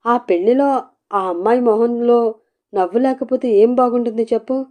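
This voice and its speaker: A cheeky, scheming young woman, voiced by a woman reading a story aloud. She talks in a brash, teasing way, pitched a little above the reader's own mellow voice. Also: normal speed, lightly acted.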